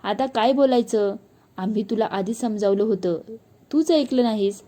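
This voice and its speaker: A woman's voice: mid-range voice, normal speed, dark tone, natural voice. Woman narrator voicing a cold unforgiving brother. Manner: cold, curt.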